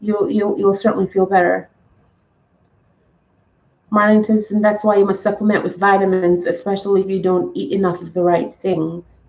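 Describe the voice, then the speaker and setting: A woman's voice: medium pitch, little pitch movement, moderate pace, a little mellow. A woman with a mid-range voice hosts a casual live chat, sounding a little far from the mic and slightly muffled. She speaks in an emphatic, encouraging manner and circles back to repeat her phrases. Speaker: livestream host.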